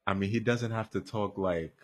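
A man's voice: on the low side, normal speed. A young man co-hosting a podcast, talking in an easygoing, slangy way with short agreeing replies. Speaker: podcast co-host. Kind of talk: casual chat.

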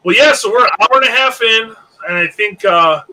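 A man's voice: sits high, normal speed, bright, forceful tone, rough recording. A man in his late thirties hosting a podcast live stream, chatting casually in a laid-back, rambling way with plenty of fillers. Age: 30s. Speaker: podcast host.

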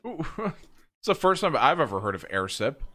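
A man talks in a loose, joking way, peppering his speech with swearing. His voice is bright and forceful, with pitch that swings widely. He sounds animated throughout. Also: moderate pace. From New York. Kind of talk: casual chat.

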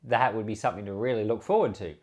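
This fairly low-voiced Australian man, a pastor and Bible podcast host, talks fast through a casual sermon, unpacking scripture in a conversational way and asking rhetorical questions.

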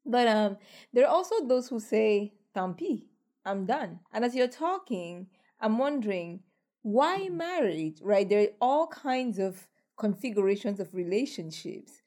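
Woman interviewer, casual and affirming; quickens when making points. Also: mid-range voice, very animated, warm tone.

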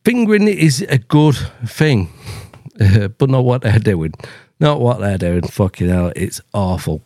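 A man's voice: medium pitch, expressive, unhurried, darkish tone, dry recording, clean studio sound. Profane man ranting on a podcast. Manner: profane, exclaiming, mock-horrified commentary. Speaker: podcast host. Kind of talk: improvised satirical rant.

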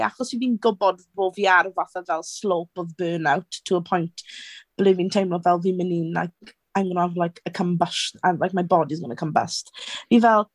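A woman's voice: on the low side, no echo. A woman with a Welsh accent chatting casually as a podcast co-host. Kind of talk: casual chat.

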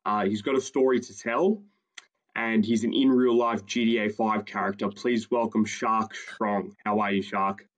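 A man hosting a combat sports podcast, asking questions in a slow, measured way. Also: lowish voice, fairly even intonation. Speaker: podcast host. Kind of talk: casual interview.

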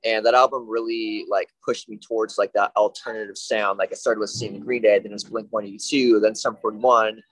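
A man in his late twenties, a band member, telling the story of his music tastes in a steady, matter-of-fact way during a casual podcast interview. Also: fairly low pitch, a little fast, few pauses, no room sound, rough recording. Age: 20s.

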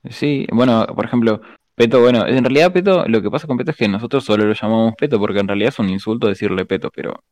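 Teasing Argentine man, low voice. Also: fast, darkish tone, no room sound. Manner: teasing, joking banter. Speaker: podcast co-host. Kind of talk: casual chat.

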